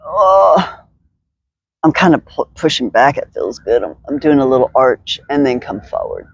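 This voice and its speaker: A woman's voice: rumbling low, big pitch swings, normal speed, gravelly, slightly rough, no echo, dull audio. Woman, stretching instructor, chatty and upbeat, dry close sound. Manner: chatty, upbeat, thinks aloud, laughs often. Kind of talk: guiding a stretching session. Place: outdoors in the sun.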